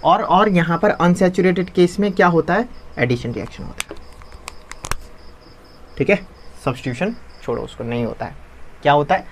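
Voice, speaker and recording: A man's voice: a little high, normal speed, pauses often, slight background noise. A young man teaching a lesson in a conversational, classroom style. He asks questions and answers them himself, repeating the key terms.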